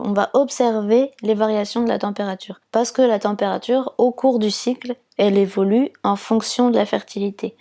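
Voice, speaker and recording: A woman's voice: mid-range voice, gravelly, warm tone. A woman from France, a fertility awareness counsellor, explaining her work patiently step by step in an interview, with frequent fillers.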